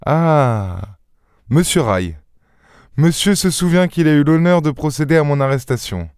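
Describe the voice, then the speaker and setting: A man reading a story aloud, voicing a suave, witty gentleman-thief who talks in a playful, ironic and airy way. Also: on the high side, expressive, a little slow, smooth, no room sound, clean studio sound, pitched above the performer's own voice. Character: suave witty male gentleman-thief, mocking and self-assured.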